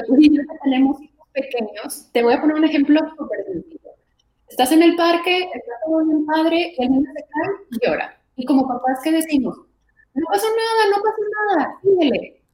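A fairly high-voiced woman speaks with expressive energy. She acts out everyday examples in lively voices, and her voice rings in a noticeably echoey room. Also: fairly quick. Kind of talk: conversational interview.

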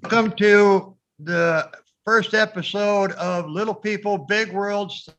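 A man's voice: high-pitched, slow pace, a bit bright, dull audio. A middle-aged man talking casually over a video call whose connection keeps dropping out, joking and affectionate. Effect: glitchy video call connection dropping out. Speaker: podcast guest. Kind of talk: casual chat.

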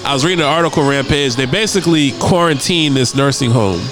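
An American host of a relaxed internet radio show talks fast in a mid-range voice with lively intonation. He stays laid-back and frequently repeats words as he thinks out loud, with music playing behind him.

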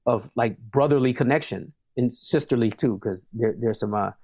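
A man's voice: medium pitch, normal speed, a little mellow. A man, a hip hop artist talking casually as an interview guest, emphatic and prone to repeating words as he starts sentences.

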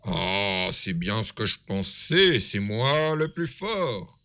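A big bad wolf who brags and swaggers, his gravelly voice full of self-satisfaction, as a man reading a storybook puts him on. The delivery is slow and bright, with a pitch that swings widely. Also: sing-song, exaggerated voice. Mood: boastful.

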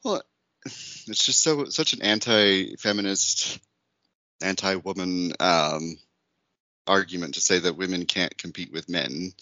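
Man, podcast co-host, low voice with a bright, pushing edge, laughs a lot, swears, dull dry lo-fi sound. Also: unhurried, pauses often, no echo. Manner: laughs often and swears freely; reads article passages aloud sarcastically. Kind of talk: casual chat.

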